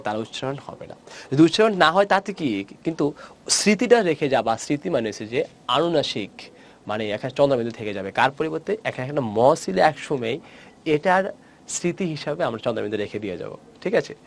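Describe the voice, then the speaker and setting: Guy teaching grammar, pitch jumps all over, keeps asking the class stuff and repeating it. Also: expressive, fairly quick, gravelly, a little hiss or hum. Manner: repeats key points and quizzes students with questions. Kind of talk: recorded Bangla grammar lecture.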